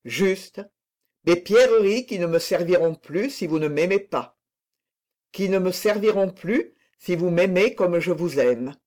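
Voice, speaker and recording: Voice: mid-range voice, lively intonation, unhurried, a little mellow, lightly acted. A reader voicing an impassioned noble lady who declares her love in a fervent, pleading manner.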